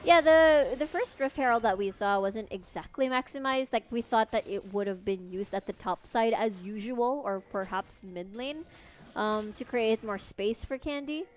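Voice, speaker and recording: A young woman casting a live esports match, giving relaxed analysis. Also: a little high, moderate pace, slight background noise. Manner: relaxed analysis, laughs easily. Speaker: esports caster.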